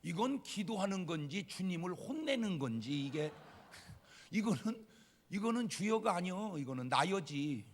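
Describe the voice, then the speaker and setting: A man's voice: sits high, sing-song, normal speed, long reverb tail. A man preaching a sermon as a pastor, emphatic and dramatic, asking rhetorical questions.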